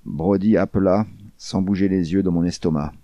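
A man reading a first-person crime novel aloud in a measured, deadpan way. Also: sits low, no echo, highs cut off. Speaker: audiobook reader.

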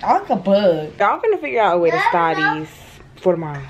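Holding her phone camera at arm's length, a teenage girl vlogs casually from her bedroom and later a large store, chatty and playful with quick asides and laughs. Her voice is on the low side with big pitch swings, while the audio has cut-off highs and background noise.

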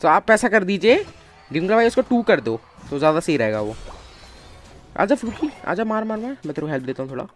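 A man streaming a mobile game live, chatting with viewers and calling out to teammates, with bursts of excited shouting. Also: fairly high pitch, fast, soft background music. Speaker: gaming streamer. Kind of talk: casual live game commentary.

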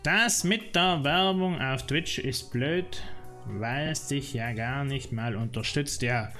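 Streaming a game, this man speaks with a South Tyrolean German accent, complaining and rambling through casual chat with plenty of fillers. He talks slowly in a medium-pitched voice that is bright and forceful, with soft music in the background.

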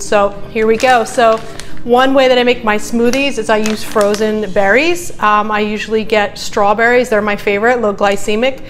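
A middle-aged woman vlogging casually, talking through her grocery haul with frequent ums and uhs, first on a phone held at arm's length and then in her home kitchen. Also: on the high side. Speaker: health vlogger. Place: parking lot outdoors, then home kitchen. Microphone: phone at arm's length, then camera on a stand.

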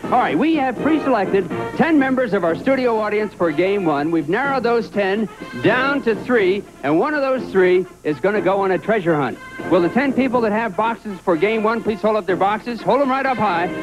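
Very high-pitched male game show host. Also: poor audio. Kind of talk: game show presenting to a studio audience. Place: large TV studio with audience. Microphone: handheld microphone. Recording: 1970s TV broadcast audio.

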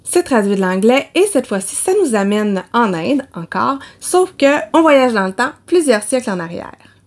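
A woman's voice: on the high side, big pitch swings, moderate pace. A woman with a Québécois accent, chatting casually about new novels as a book vlogger, self-mocking and laughing often. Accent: Québécois French. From Quebec.

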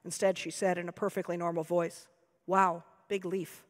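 An American woman author reading her own fiction aloud in a dry, measured, deadpan way. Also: lowish voice. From United States. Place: lecture hall. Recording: long hall reverb.

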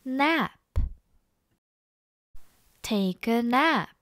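A woman teaching English reading at a very slow, deliberate pace. Her voice sits a little high. She repeats every word twice with clear, exaggerated expression for learners to copy, and the sound is close and dry. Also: lively intonation, a bit bright, dry recording. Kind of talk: slow read-aloud drill for repeat-after-me practice.

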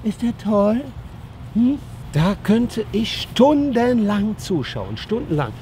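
A man who works as a dog trainer, giving lively casual commentary outdoors as he talks to the dogs and to his viewers. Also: high-pitched, takes it slowly, slight background noise.

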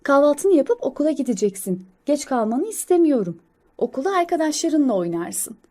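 A woman's voice: high voice, very animated, normal speed, darkish tone, voice pushed up. A woman voicing a caring but firm mother squirrel in a storybook reading, with a motherly tone. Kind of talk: storybook character voice.

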